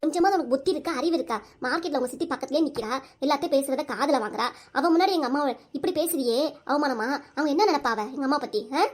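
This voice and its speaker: A woman voicing a middle-aged aunt and mother in a cartoon, speaking with a Tirunelveli Tamil accent and nagging quickly. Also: high voice, slight background noise, close to an everyday voice. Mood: scolding. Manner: pleading then scolding, rapid.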